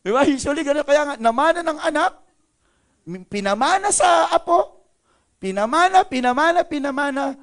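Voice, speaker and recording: A man's voice: extremely high pitch, lively intonation, moderate pace, fairly bright tone. A male pastor preaching a sermon in a playful way, joking with the congregation. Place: church service.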